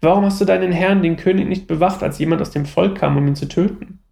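A man's voice: high-pitched, fast talker, gravelly, dark tone. A man voicing a devout young fugitive warrior, reading his lines earnestly and pleadingly.

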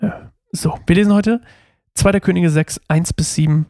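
Chatty gravelly young man hosting Bible study. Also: high voice, fairly even intonation, normal speed, darkish tone, dry recording, clean studio sound. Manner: chatty, self-mocking, rambling with fillers. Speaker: podcast host reading and explaining the Bible. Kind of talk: casual Bible study podcast.

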